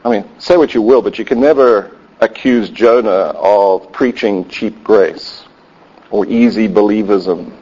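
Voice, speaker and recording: A man's voice: fairly low pitch, a little slow, mellow. A man preaching a sermon in a conversational way with wry asides. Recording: dull lo-fi sound.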